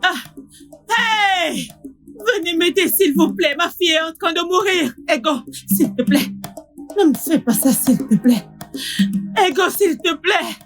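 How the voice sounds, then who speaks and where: A woman's voice: high-pitched, lively intonation, normal speed, soft background music. An actress playing a mother in a dubbed film, scolding her defiant daughter with indignation. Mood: panicked. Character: scolding middle-aged village mother.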